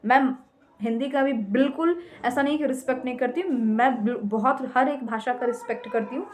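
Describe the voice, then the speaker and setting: A young Indian woman who teaches English gives casual tutorial tips to learners, emphatic and repetitive, mixing Hindi with English. Her voice is high and her pace normal, with slight background noise.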